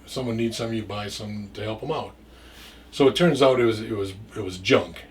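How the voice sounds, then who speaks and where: A man's voice: on the low side, moderate pace, recorded from a distance, slight background noise. A man telling a story from his past in a casual, rambling way, stumbling over and repeating words and swearing freely.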